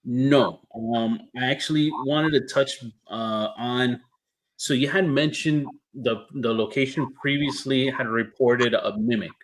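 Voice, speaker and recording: A man hosts a podcast at a middle pitch and puts his questions to a guest. He stops and restarts often and fills the gaps with ums and uhs as he goes. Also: poor audio. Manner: halting, many restarts and fillers. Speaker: podcast host. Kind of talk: casual interview questions.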